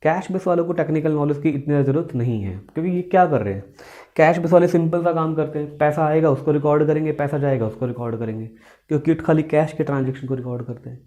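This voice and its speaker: A man's voice: fairly high pitch, quick pace, warm tone. A man teaching accountancy in a classroom lecture style, asking questions, repeating key points and mixing with English terms. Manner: explains by asking questions and repeating points, calls students "beta"; mixes Hindi with English terms.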